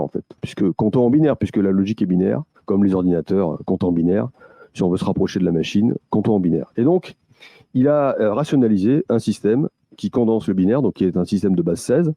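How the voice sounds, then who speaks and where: A man's voice: on the low side, dark tone, dry recording. A man presenting a workshop, explaining step by step with many hesitations and restarts. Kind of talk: explanatory teaching talk.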